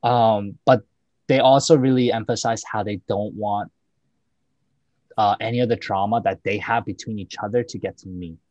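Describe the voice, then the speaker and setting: Low-voiced young man, dry sound. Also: moderate pace, no echo, highs cut off. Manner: relaxed, hesitant, many fillers. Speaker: podcast co-host. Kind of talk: casual chat.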